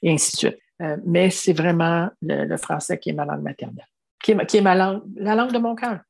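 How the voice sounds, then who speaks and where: Speaking fast with vocal fry, her low-leaning voice sounds a little mellow and slightly rough. She is a Québécois woman in her seventies, an interviewee sharing her life story earnestly and reflectively, restarting often and peppering her speech with "tu sais."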